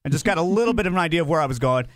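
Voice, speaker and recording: A man's voice: fairly high pitch, animated, racing, fairly bright tone, dry recording, clean studio sound. A man hosting a casual talk show, teasing and joking as he chats. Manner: joking, teasing, mimics others. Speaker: show host.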